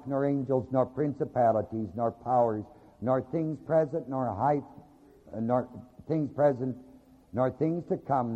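A man's voice: medium pitch, husky. A man preaching a sermon to a congregation, stopping often to ask them to finish his sentences. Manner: asks the congregation fill-in questions; repeats "you bet your life". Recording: lo-fi with long hall reverb.

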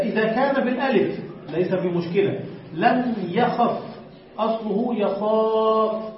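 A high-pitched man teaches a classroom lesson, laying out each rule step by step and drawing out his example words slowly. He stops to quiz his students. The recording is roomy and echoing, with a distant, dull lo-fi mic. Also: slight background noise. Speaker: teacher of Arabic morphology.

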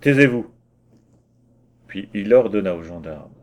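A man narrating a classic short story as an audiobook, in a measured, expressive storytelling manner. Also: lowish voice, breathy edge.

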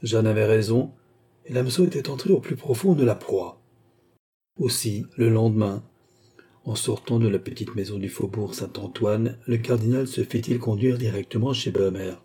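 A man narrating a classic novel aloud in a measured, even storytelling manner. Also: lowish voice, husky. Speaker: audiobook narrator.

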